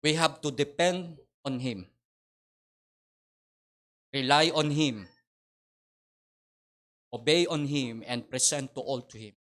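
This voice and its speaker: A middle-aged man with a Filipino accent preaching a sermon as pastor, swinging between loud appeals and quiet asides. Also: medium pitch, takes it slowly, pauses often. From Philippines.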